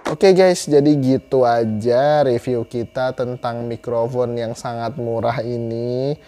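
A man's voice: mid-range voice, steady tone, slow, dark tone. A young man giving a casual product review to camera, chatty and repeating phrases for emphasis, on a lapel mic indoors. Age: young adult. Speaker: YouTuber reviewing gear. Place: small room indoors. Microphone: clip-on lapel mic.

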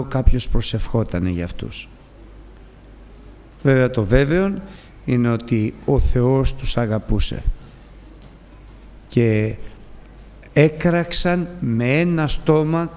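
A man's voice: animated, long pauses. Man preaching dramatically in a reverberant hall. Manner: dramatic storytelling, wide swings in pitch and loudness. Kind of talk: sermon.

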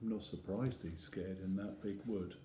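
A man reading a children's picture book aloud in a slow, gentle way, asking the listener questions as he goes. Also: low voice, steady tone, a little hiss or hum. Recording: roomy echo.

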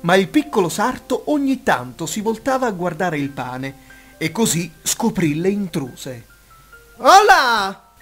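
A man telling a bedtime fairy tale with a fairly high and very animated voice. His reading is expressive and full of life. Soft instrumental music plays quietly behind him. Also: unhurried, husky. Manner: expressive, lively storytelling. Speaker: storyteller.

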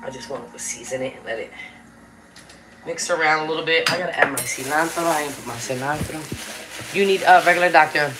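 A woman with a low-pitched, raspy voice hosts a cooking livestream from her home kitchen, speaking briskly but with a drawl into a tablet set close on the counter. She chats casually and greets viewers by name while music plays in the background.

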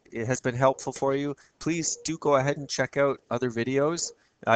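A man with a froggy, croaky voice giving a casual screencast tutorial as a teacher, chatting through each step and often checking in with "okay?". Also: medium pitch, no room sound.

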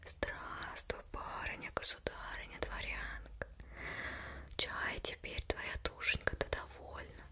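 A woman's voice: slow pace, close to an everyday voice. A woman voicing a meek, weary old henpecked fisherman from a storybook, pleading in a whispered role-play. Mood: deferential. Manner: pleading, deferential.

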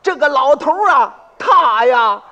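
A man's voice: very high voice, animated, measured pace, bright, forceful tone, lo-fi sound, pitched above the performer's own voice, exaggerated voice. A man voicing a frightened, flustered young pot seller who stammers and pleads shrilly. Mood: indignant.

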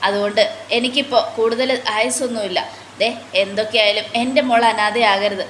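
A woman's voice: mid-range voice, fairly even intonation, a little fast, fairly bright tone, slight background noise, natural voice. A woman voicing a dying mother pleading for her daughter. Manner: earnest, pleading retelling of dialogue. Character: gravely ill young mother, pleading and stern. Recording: roomy echo.

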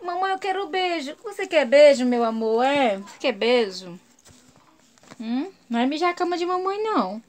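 A woman's voice: high voice, lively intonation, normal speed, a little mellow. A Brazilian woman in a home vlog, doting on her pet dogs in sing-song baby talk. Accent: Brazilian Portuguese. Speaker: vlogger.

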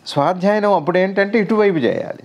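A man's voice: high-pitched, fast talker, a little mellow. A man, a spiritual teacher, explains ideas in a conversational discourse, asking rhetorical questions and building long lists.

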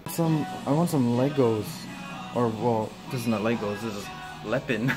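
A man's voice: medium pitch, normal speed, over music. A man in his thirties vlogging casually from a phone held at arm's length as he walks through a market and streets, playful and chatty. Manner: playful, chatty, jokey asides. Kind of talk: casual travel vlog chat. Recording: loud street and traffic noise.

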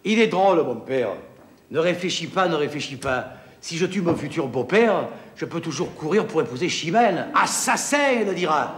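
A mock-heroic young son. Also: male voice, a little high, animated, moderate pace, a bit bright, echoey room. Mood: musing. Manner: hesitant, then boastful and mock-heroic. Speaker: sitcom actor playing Rodrigue in a parody.

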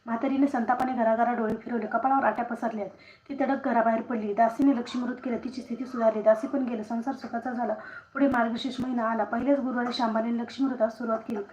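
A woman narrates a devotional tale in a steady, rhythmic storytelling manner. Her voice sits fairly high and rings in a roomy space. Faint noise runs behind. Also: fast.

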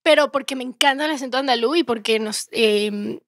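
Young venezuelan woman, chatty, high voice, dry close sound. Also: a little fast, a bit bright, no echo. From Venezuela, raised in Miami. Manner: chatty, laughing, many fillers. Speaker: guest singer. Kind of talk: casual chat.

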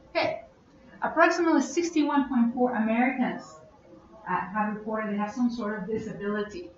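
A woman leads a workshop session, chatting with the audience and often checking in with them. Her voice sits a little high and bounces around a reverberant room. The sound is slightly muffled, with a faint hiss underneath. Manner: chatty, asks audience questions, laughs often. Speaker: conference presenter. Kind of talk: live workshop presentation. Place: conference room. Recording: echoey, muffled room recording.

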